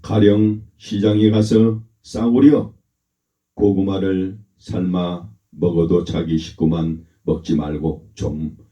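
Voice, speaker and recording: Slow, deep-voiced preaching pastor. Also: male voice, flat delivery, mellow. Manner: slow, emphatic preaching with calls for the congregation to repeat. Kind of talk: sermon. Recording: roomy, dull lo-fi church recording.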